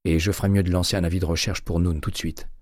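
A man voicing a composed female agent in an audiobook, calm and firm. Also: deep voice, fast, dry recording, clean studio sound. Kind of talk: audiobook character reading.

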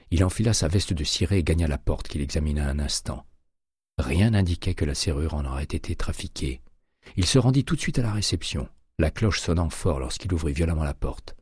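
Very deep husky male narrator. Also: dry recording, studio quality. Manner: steady, measured reading. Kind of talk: audiobook narration.

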